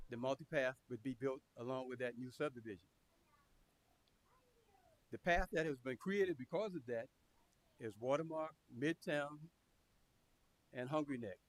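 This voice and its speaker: Over a faint hiss, a man with a mid-pitched voice delivers a public comment to a council. He speaks in measured, deliberate phrases as a community representative. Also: low-quality recording. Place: town council meeting room. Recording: clear background hiss.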